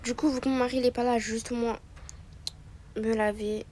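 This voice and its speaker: A woman's voice: a little high, little pitch movement, normal speed, a little mellow, slight background noise, natural voice. A woman voicing a sick young wife filming a vlog, talking weakly and tiredly, with music playing behind. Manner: weak, tired, slightly nauseous voice.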